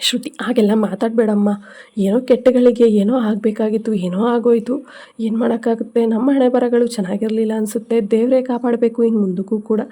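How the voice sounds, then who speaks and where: A woman's voice: fairly high pitch, fairly even intonation, a little fast, mellow, natural voice. A woman voicing a young daughter who comforts her mother in a soothing, pleading way.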